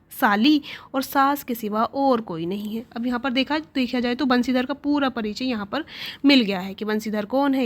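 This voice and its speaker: A woman with a fairly high voice teaching a story line by line. She poses a quick question, then answers it herself in a patient, explanatory way. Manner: asks and answers her own questions. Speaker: Hindi teacher.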